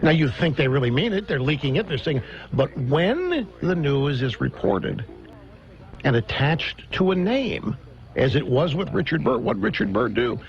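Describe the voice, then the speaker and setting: A man hosting a political talk radio show, delivering an animated, mocking monologue. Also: fairly high pitch, normal speed, creaky. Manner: animated, mocking, mimics others in exaggerated voices. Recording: dull lo-fi radio broadcast.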